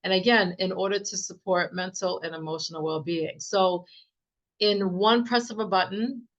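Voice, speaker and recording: A woman giving a casual, enthusiastic software demo as a naturopath, with many fillers and restarts and a slightly strained voice. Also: lowish voice, moderate pace. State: slightly losing her voice. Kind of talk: casual screen-share product demo. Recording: dull, muffled sound.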